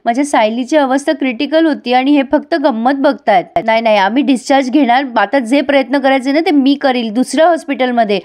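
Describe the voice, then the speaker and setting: A woman's voice: sits high, a little fast, few pauses, a little mellow, pitched above the performer's own voice, close to an everyday voice. A woman reading the lines of an angry young husband who is demanding action from hospital staff. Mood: frantic, angry.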